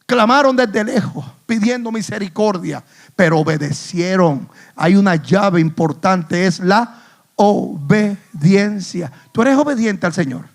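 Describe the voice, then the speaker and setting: A male pastor preaching a sermon in a church, swinging between hushed asides and loud emphatic lines, with English phrases mixed in. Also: high voice, lively intonation, a little slow, vocal fry. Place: church in the Bronx.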